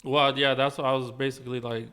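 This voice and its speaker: A man's voice: medium pitch, little pitch movement, a little fast, bright, forceful tone, smooth. A man hosting a podcast, chatting casually, crude and joking and swearing a lot. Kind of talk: casual chat.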